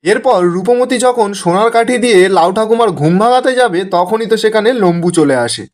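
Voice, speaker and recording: High-voiced man, brisk serial recap narration. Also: animated. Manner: brisk storytelling, linking lines with "then he says".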